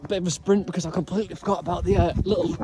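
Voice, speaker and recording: A man's voice: high-pitched, fairly even intonation, very fast, warm tone. A young man, talking casually as a travel vlogger while walking outdoors through a field. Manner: chatty, loose, full of fillers. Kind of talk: casual outdoor vlog chat. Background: background music.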